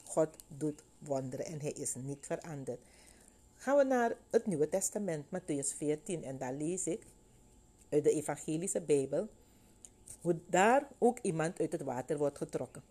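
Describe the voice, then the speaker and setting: Warm, husky-voiced woman preaching. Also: low voice, a little slow. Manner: animated storytelling, acting out voices of biblical figures. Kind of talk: sermon with Bible reading and retelling.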